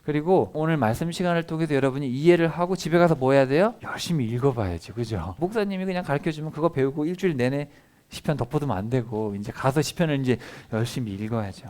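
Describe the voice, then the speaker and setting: Animated male pastor quizzing children. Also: mid-range voice, fast talker. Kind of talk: children's sermon.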